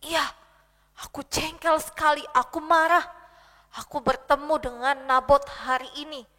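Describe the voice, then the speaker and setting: A woman's voice: high-pitched, fairly even intonation, moderate pace, sharp tone. A woman voicing a sulking, angry king who complains in a whiny, petulant way for a children's Bible story. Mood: complaining. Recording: long hall reverb.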